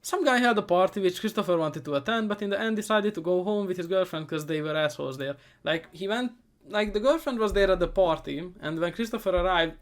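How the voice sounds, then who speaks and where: A man giving a comedic movie recap, sarcastic and profane, rambling and often trailing off into quieter asides. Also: high voice. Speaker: movie reviewer.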